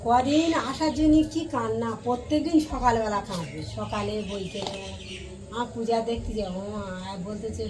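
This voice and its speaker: A woman's voice: fairly high pitch, moderate pace. A middle-aged woman, the vlogger's mother, chatting at length about family news. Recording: noisy home recording.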